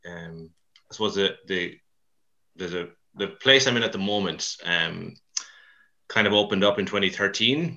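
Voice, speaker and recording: With a low, sharp-toned voice, a man from Mayo and Dublin, Ireland, talks casually in an interview, using a west of Ireland accent in a rambling, colloquial, self-deprecating way. He is a CrossFit coach appearing as a podcast guest, and the recording has its highs cut off.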